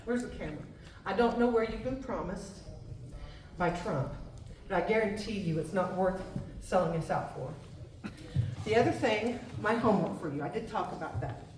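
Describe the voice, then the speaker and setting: A woman's voice: mid-range voice, animated, moderate pace, darkish tone, a little hiss or hum. Woman, public commenter at a town hall, indignant and urgent, heard from a distance in an echoey room. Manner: indignant, urgent, addressing her congressman directly. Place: museum meeting room.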